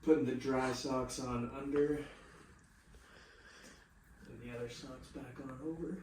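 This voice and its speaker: A man with a medium-pitched voice chats casually as a camping companion. The recording is noticeably echoey, with the sound of the room around his words. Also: steady tone, unhurried, a little mellow. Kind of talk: casual chat.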